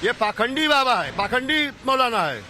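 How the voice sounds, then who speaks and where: Man on the street, very high bright voice, indignant and halting, faint traffic. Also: sing-song. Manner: heated, indignant, halting speech. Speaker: local councillor. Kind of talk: street interview.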